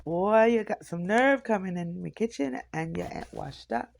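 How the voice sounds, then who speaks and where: Woman doing a stern Caribbean mother, loud and gravelly. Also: mid-range voice, lively intonation, normal speed. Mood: scolding. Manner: loud, bossy scolding. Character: stern scolding middle-aged mother. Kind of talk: audiobook character voice.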